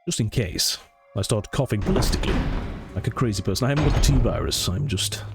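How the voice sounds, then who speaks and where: This horror-game let's player has a lowish, creaky, expressive voice made sniffly by a cold. Casual and chatty, he thinks aloud and reads the game's notes slowly, with faint game music audible behind him.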